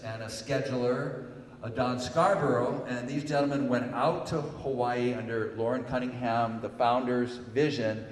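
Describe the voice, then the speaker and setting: An older male pastor preaches slowly in a mellow, slightly raised voice, wandering through his points with plenty of ums and then swelling into emphatic declarations. His voice rings through a church hall with a long, roomy reverb. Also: mid-range voice. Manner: rambling, halting with many fillers, rising to emphatic peaks. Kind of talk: sermon.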